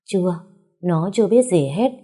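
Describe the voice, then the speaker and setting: A woman's voice: lowish voice, expressive, normal speed, dark tone. A woman voicing an older mother who speaks in a choked, sobbing way, in a storybook reading. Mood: earnest. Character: older birth mother, weeping and remorseful.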